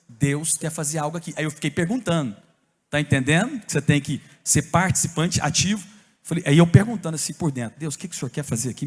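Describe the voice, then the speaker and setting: A Brazilian man preaching a sermon as a pastor, telling a story with animated bursts and shouts. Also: high voice, in a large hall. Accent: Brazilian Portuguese.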